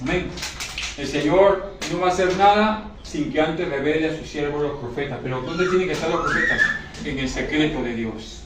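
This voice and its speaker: High-voiced preacher in an echoey room. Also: male voice, moderate pace. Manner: emotional, repeats phrases, asks the congregation questions. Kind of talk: sermon. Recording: echoey room, recorded from far off, faint noise.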